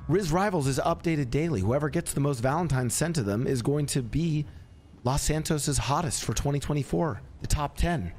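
A man's voice: fairly high pitch, moderate pace, darkish tone, faint music behind. A man in a game roleplay, playing a self-appointed Cupid who teases and coaxes in a playful salesman patter.

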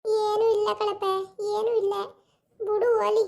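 A woman's voice: extremely high pitch, completely flat delivery, a little slow, gravelly, darkish tone, exaggerated voice. A woman voicing a humble, tearful old village aunt in a cartoon, with a pleading, self-reproaching manner. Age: older. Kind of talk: cartoon voice acting.

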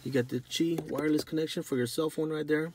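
A man filming on a phone in a car lot, showing viewers a new car in a relaxed, offhand way. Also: fairly high pitch, fast, slight background noise. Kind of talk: casual walkaround video. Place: outdoor car dealership lot and inside a car. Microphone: phone held in hand while filming.

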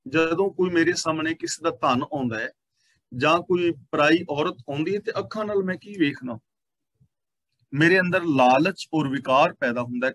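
A man with a Punjabi accent teaching scripture, reciting verses slowly and then explaining them line by line. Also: fairly high pitch, a bit bright, no echo.

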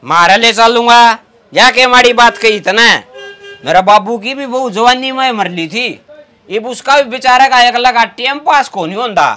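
A man's voice: very high voice, normal speed, bright, forceful tone. A young man with a Haryanvi accent playing a brash, sarcastic bus conductor who scolds and mocks in a comedy sketch. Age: young adult. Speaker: comic actor. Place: inside a parked bus.

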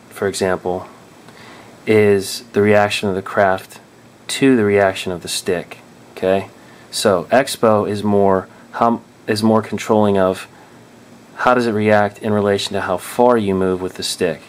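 Guy w a lowish voice walking thru his drone settings at a table, keeps restarting n fixing what he said. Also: fairly even intonation, unhurried. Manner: thinking aloud, frequent restarts and self-corrections. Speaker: drone hobbyist explaining settings. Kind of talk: casual tutorial explanation. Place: indoors at a table.

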